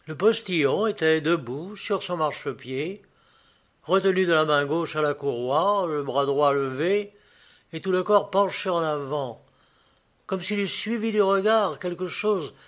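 A man's voice: on the high side, unhurried, fairly bright tone. Man reading a literary tale. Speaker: narrator.

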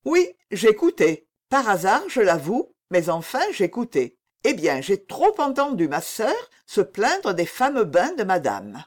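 A woman's voice: mid-range voice, wildly swooping pitch, unhurried, few pauses, voice pushed up. A woman reading the part of a jealous, petulant young prince who answers bitterly and indignantly. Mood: aggrieved.

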